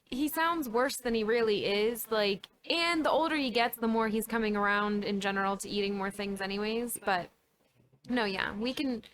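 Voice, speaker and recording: A woman's voice: fairly high pitch, normal speed, a bit bright. A woman co-hosting a casual podcast chat, easygoing with dry replies. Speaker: podcast co-host.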